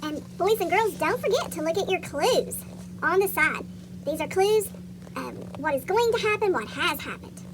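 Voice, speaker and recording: Someone voicing a chipmunk with a squeaky cartoon voice, reading a picture book aloud to children. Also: expressive, normal speed, background noise. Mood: chirpy storytelling. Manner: asks young listeners questions. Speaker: story reader for children.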